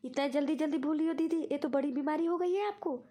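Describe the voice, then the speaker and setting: A woman's voice: sits high, quick pace, dark tone, close to an everyday voice. A woman voicing a scheming younger friend who coaxes and tricks in a cartoon. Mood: teasing. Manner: coaxing, sweetly persuasive. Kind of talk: cartoon voice acting.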